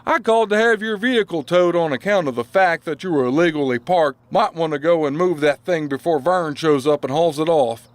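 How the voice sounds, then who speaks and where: A man's voice: fairly high pitch, brisk, few pauses, dry recording, lightly acted. An actor playing a folksy small-town ex-lawman who talks in rambling, flowery similes with a rural drawl. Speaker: former lawman character. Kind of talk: audio drama acting.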